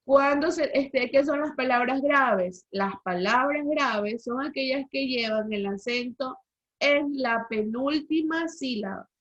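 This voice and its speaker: A woman's voice: high-pitched, slow pace, fairly bright tone. A woman teacher giving an online language lesson, explaining rules and quizzing the class with questions over a video call. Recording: slightly dull lo-fi call audio.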